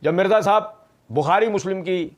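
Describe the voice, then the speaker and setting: A man giving a polemical religious lecture, speaking in an animated, emphatic and sarcastic way. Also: high voice. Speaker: religious scholar.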